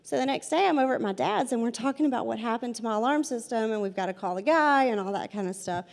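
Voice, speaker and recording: A woman's voice: on the high side, lively intonation, quick pace, gravelly. Chatty Southern woman in her forties. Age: 40s. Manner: chatty, addresses the audience directly and repeats points for emphasis. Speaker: paranormal investigator giving a talk. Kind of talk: storytelling talk to a live audience. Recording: long hall reverb.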